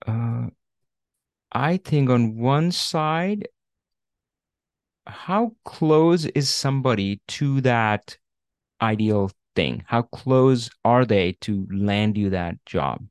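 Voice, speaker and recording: A man's voice: medium pitch, animated, very slow, dry recording, clean studio sound. A man coaching a student on job searching over a video call, casual and full of fillers, often asking "right?". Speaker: career coach. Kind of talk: online coaching session.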